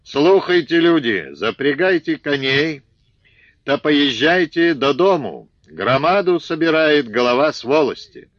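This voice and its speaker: A man voicing a loud peasant settler, shouting news. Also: mid-range voice, expressive, measured pace, no echo, highs cut off, close to an everyday voice. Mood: alarmed. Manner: bellowing announcement.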